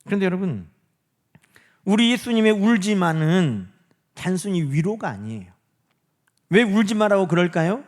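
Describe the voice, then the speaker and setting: High-voiced pastor preaching. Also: male voice, big pitch swings, moderate pace, long pauses. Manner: asks the congregation questions and answers them himself; acts out quoted speech in a softer voice. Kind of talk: sermon. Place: church sanctuary.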